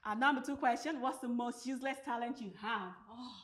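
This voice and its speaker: A woman hosting a relaxed panel discussion, her voice sitting a little high. She keeps things upbeat, firing off questions and wrapping up the show. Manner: upbeat, interviewing with quickfire questions. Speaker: host. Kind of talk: casual panel chat.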